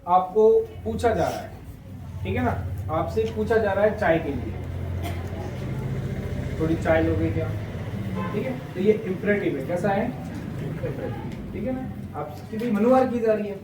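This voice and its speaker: A man's voice: high-pitched, expressive, moderate pace, noisy background. A male teacher giving a grammar lesson, explaining step by step and checking in with the class often. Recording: echoey room, mic at a distance.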